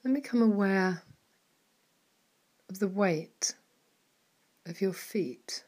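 A woman guides a mindfulness meditation, speaking softly and calmly at a slow pace. Her voice sits at medium pitch, and some words fade into a whisper.

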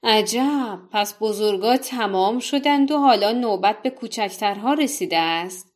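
A woman's voice: medium pitch, lively intonation, close to an everyday voice. A woman voicing a shepherd who speaks bluntly and mockingly in a told folktale. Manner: scoffing, amused, blunt. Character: mocking, laughing male shepherd with a staff.

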